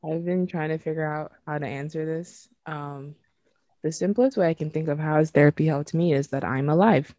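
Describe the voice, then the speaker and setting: A woman's voice: deep voice, moderate pace, warm tone, dry recording, dull audio. A woman in her twenties, from Nigeria, talking frankly and emotionally as a podcast host, swearing casually and laughing between thoughts. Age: 20s. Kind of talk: candid podcast conversation.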